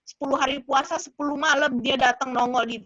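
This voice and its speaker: A woman casually sharing her faith story, acting out prayers in a hushed voice and laughing often. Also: sits high, fairly even intonation, moderate pace, no room sound, highs cut off. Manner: laughs often, mixes slang. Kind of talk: casual discussion.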